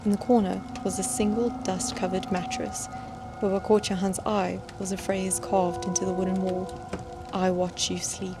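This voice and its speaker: A woman reads scripted horror stories in a measured, suspenseful storytelling manner. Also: mid-range voice, little pitch movement. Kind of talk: scripted scary-story narration. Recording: music bed behind the voice.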